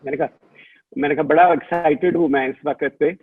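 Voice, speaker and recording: Guy joking around as a talk show guest, kinda husky, sounds tinny like a phone. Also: a little high, steady tone, a little fast. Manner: playful and self-mocking, with bits of English. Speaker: guest director.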